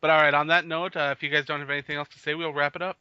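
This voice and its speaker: A man's voice: on the high side, level tone, rapid-fire, sharp tone, smooth, no room sound. A man co-hosting a casual sports podcast, leading the talk and laughing often. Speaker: podcast co-host. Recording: dull lo-fi podcast audio.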